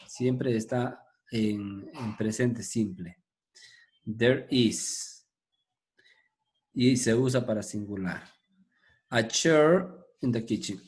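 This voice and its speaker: A man's voice: mid-range voice, darkish tone. A man teaching English grammar to a class, patient and methodical, checking in with his students as he goes.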